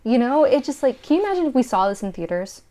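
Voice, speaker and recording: A woman's voice: sits high, sing-song, fast talker, mellow. A woman co-hosting a casual movie review chat, chatty with frequent "like" fillers. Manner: chatty, lots of "like" fillers, laughs often. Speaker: podcast co-host.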